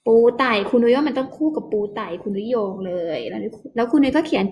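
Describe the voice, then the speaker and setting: Gentle woman teaching young children. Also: fairly high pitch, slight background noise. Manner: gentle, coaxing, drawn-out words for young pupils. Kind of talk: children's phonics lesson.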